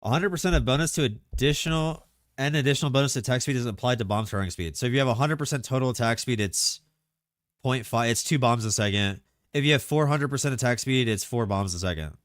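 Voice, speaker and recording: A man streaming live, chatting casually and excitably about game mechanics, rambling with lots of filler words. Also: mid-range voice, fast, no room sound, clean studio sound.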